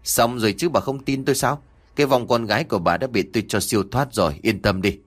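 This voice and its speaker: Smug greedy old fortune teller, narrator voicing him. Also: male voice, medium pitch, fast talker, lightly acted.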